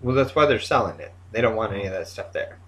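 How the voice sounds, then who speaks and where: A man chatting casually as a co-host, playful and quick to joke, with sudden jumps in pitch. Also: expressive, a bit bright. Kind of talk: casual chat.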